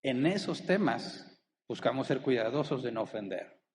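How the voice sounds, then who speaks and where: A man preaching at a mid pitch, his voice trailing in a lingering church-hall reverb with faint room ambience underneath. He speaks in a sermon style, pausing on rhetorical questions to the congregation. He slows right down to land his main points. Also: animated, a little hiss or hum. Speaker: pastor.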